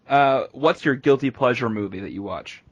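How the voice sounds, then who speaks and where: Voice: mid-range voice, normal speed, no echo, lo-fi sound. A host asking questions in casual chat, laughing often and joking about themselves. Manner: laughs often, self-mocking.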